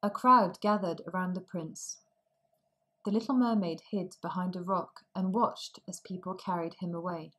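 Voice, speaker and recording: A woman reads a fairy tale aloud for language learners, slow and clearly articulated. Her voice sits a little low, and she gives each sentence room. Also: steady tone, fairly bright tone, low-quality recording. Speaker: storyteller. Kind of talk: storybook narration for language learners.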